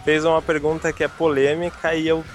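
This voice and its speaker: A man with a Brazilian accent hosting a casual podcast, reading out listener questions in a relaxed, self-mocking way. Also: on the high side, fairly quick, soft background music. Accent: Brazilian Portuguese. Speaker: podcast host.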